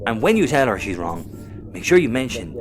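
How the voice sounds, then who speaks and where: With music in the background, a man speaks in a natural, mid-range, sing-song voice at a moderate pace. He plays a scheming, sarcastic Irish spacer who is also a protective brother in a sci-fi audio comedy, sounding animated and plotting.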